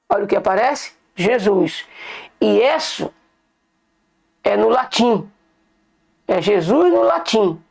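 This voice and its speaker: Brazilian online preacher, gravelly, repetitive and direct with the flock. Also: medium pitch, darkish tone. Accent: Brazilian Portuguese. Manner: repetitive, keeps calling listeners "brothers", points things out. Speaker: online bible teacher. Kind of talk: informal bible study sermon.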